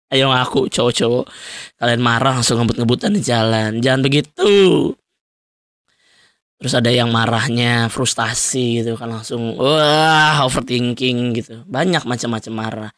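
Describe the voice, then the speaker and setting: A man's voice: medium pitch, moderate pace, a bit bright, no room sound. Rambling young man, dry voice. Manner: loose, rambling, laughs often, many fillers. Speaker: podcast host. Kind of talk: solo casual podcast monologue.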